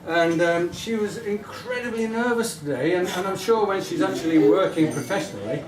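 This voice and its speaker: A man's voice: high voice, normal speed, crowd noise. A middle-aged man giving an informal, affectionate father of the bride speech in a hesitant, rambling way at a wedding reception. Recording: echoey room, distant mic, audience noise. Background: guests murmuring and laughing.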